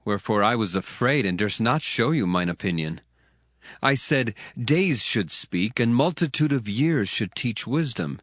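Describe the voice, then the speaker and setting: Elihu, earnest young man with animated oratory. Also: mid-range voice, measured pace, no echo, clean studio sound. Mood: earnest, indignant. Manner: oratorical, emphatic, archaic formal phrasing. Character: earnest young man Elihu, indignant biblical speaker rebuking his elders. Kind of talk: dramatized scripture reading, declamatory.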